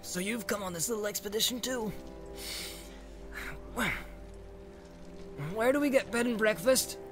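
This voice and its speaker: A captive young hobbit makes wry jokes in a high, light voice, played by a man. Music plays underneath. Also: a little slow. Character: young male hobbit, captive but cheeky.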